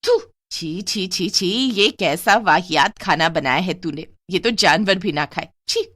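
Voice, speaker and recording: A woman's voice: on the low side, lively intonation, unhurried, fairly bright tone, no echo, clean studio sound. A woman voicing a scheming middle-aged aunt in a cartoon, syrupy one moment and barking harsh orders the next. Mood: disgusted angry.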